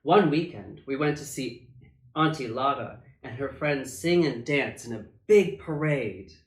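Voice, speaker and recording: As a drag storytime reader, a man reads a children's picture book aloud with theatrical, emphatic phrasing and dramatic pauses. His voice is mid-range with lively intonation, and the room is echoey.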